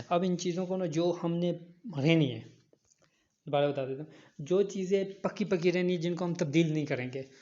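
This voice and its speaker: A man walks through a photo-editing app step by step, going back over each instruction. His voice sits a little high, and the recording sounds dull and lo-fi, like a phone mic. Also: warm tone. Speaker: online teacher. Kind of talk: screen-recorded app tutorial.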